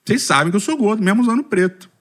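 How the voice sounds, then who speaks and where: A man's voice: high-pitched, very fast. A middle-aged Brazilian man giving a humorous personal testimony to a church community, asking the audience questions and poking fun at himself. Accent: Brazilian Portuguese. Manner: lively storytelling with self-deprecating humor, asks audience questions. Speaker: speaker at a church community talk.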